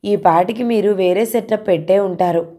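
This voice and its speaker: A woman's voice: medium pitch, moderate pace, warm tone, natural voice. A woman voicing a blunt young female office worker who asks teasing, probing questions.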